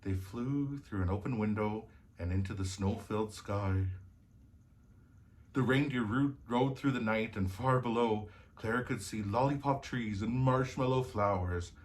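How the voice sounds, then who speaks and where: A storyteller host takes on the role of a jolly Santa Claus, reading children's stories with slow, hearty, theatrical cheer and a sense of wonder. His voice is lowish and natural.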